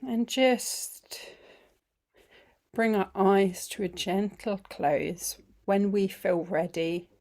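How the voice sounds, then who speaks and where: Woman, breathwork teacher leading a slow body scan meditation. Gentle, with ums, sometimes whispering. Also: mid-range voice. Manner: slow, gentle guidance with frequent ums and soft whispered phrases.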